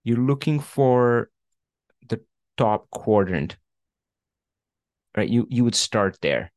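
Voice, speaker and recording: Over a video call, a male career coach leads an online coaching session casually, filling gaps with fillers and checking in with "right?". His middle-pitched voice is expressive, slow, and a little mellow. The sound is dry and close, without room echo.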